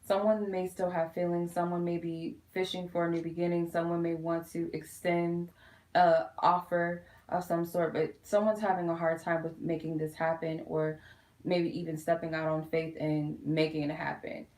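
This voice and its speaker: A woman's voice: fairly low pitch, level tone, moderate pace, darkish tone, roomy sound. A woman chatting informally to viewers as she gives a casual tarot reading on a live stream from home. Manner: informal, chatty, addressing viewers as "you guys". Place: quiet room at home.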